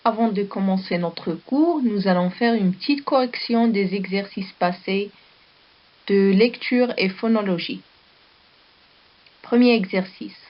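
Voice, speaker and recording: A woman teaching a primary school lesson with a Moroccan French accent, dictating words slowly and repeating each one. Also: medium pitch, dull audio. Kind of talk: slow recorded classroom lesson.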